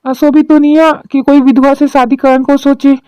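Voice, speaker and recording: A woman voicing a mellow village mother-in-law. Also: high voice, level tone, moderate pace, no room sound, highs cut off, close to an everyday voice. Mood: worried. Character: worried rural mother-in-law, middle-aged woman. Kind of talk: cartoon drama dialogue.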